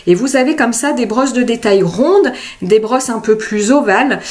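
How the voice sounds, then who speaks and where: A woman's voice: a little high, animated, normal speed, a little mellow. A woman from France talking through a craft tutorial in a casual, chatty way, with many hesitations and self-corrections. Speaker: craft video host.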